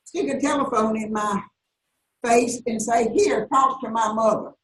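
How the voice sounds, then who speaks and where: A woman's voice: on the high side, a little slow. An older woman with a Southern US accent telling folksy stories to an audience and laughing often. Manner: folksy storytelling, frequent laughs. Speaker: guest speaker. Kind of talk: anecdotal talk to an audience. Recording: roomy echo, distant mic, faint hiss.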